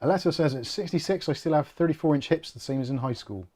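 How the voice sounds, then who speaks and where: A middle-aged British man hosts a casual tech channel livestream, reading out viewer comments in a rambling, jokey, self-deprecating way. His warm voice is on the high side and fast.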